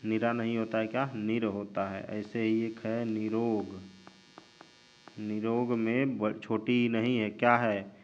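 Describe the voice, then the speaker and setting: A male teacher giving a spelling lesson, drawing out each word slowly and answering his own questions. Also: fairly low pitch, level tone, faint music behind. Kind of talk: spelling lesson while writing on a board. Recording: dull lo-fi recording with mains hum.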